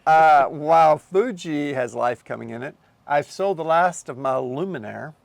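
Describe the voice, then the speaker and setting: A man's voice: a little high, expressive, a little slow, creaky, a little hiss or hum. A man running a camera shop, chatting casually in a rambling way, repeating himself and restarting.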